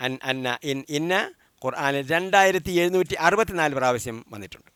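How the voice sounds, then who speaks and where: Male language teacher, fairly high voice, steady drill-and-repeat delivery, dry close recording. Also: a little fast, clean tone, no echo. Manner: drills word forms, each followed by its meaning; asks listeners to repeat after him. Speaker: Quran Arabic teacher.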